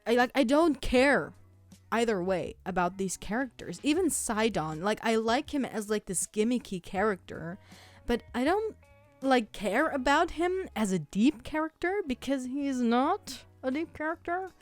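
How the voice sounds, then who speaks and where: A woman's voice: a little high, expressive, measured pace, soft background music. A woman ranting in casual chat, heated and sweary, with lots of fillers and restarts. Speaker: streamer.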